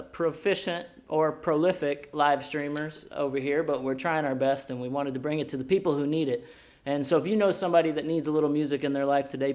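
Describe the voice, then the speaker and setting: A male host greeting viewers on a live stream in a folksy, playful way. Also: on the high side.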